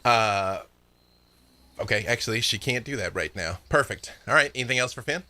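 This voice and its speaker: Male game master, very bright forceful voice, casual animated narration for tabletop play. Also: medium pitch, moderate pace.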